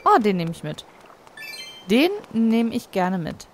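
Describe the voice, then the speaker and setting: A woman's voice: mid-range voice, sing-song, takes it slowly, a little hiss or hum. A woman casually commenting on her own gameplay. She thinks aloud, laughs a lot and makes wry, teasing remarks. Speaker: let's play host.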